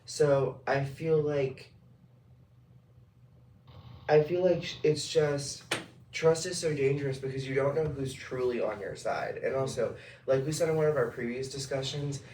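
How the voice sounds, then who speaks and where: A man's voice: medium pitch, a little mellow. A man talking hesitantly in a casual student book discussion, with many fillers and restarts. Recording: echoey room, far from the mic, noisy.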